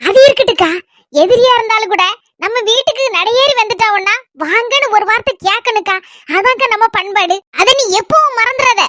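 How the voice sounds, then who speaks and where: Stern younger sister with a Kanyakumari accent, high, fast and insistent, as a woman puts her on. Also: bright, forceful tone, no echo, clean studio sound. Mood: scolding. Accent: Kanyakumari Tamil. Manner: scolding, insistent. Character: younger sister, firm, lecturing on manners.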